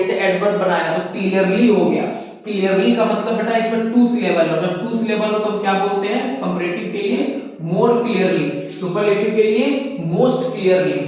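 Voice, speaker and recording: High-voiced male teacher in an echoey classroom. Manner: calls students "beta", repeats words slowly. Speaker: English teacher. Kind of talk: classroom grammar lesson. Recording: echoey room, distant mic, dull sound.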